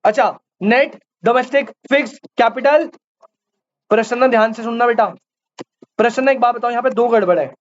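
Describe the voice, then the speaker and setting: Man teacher, very high voice, a quizzing, repetitive classroom lecture style. Dull recording with faint hiss. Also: moderate pace. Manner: quizzes students, repeats key terms, calls them "beta". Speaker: commerce teacher. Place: classroom with students.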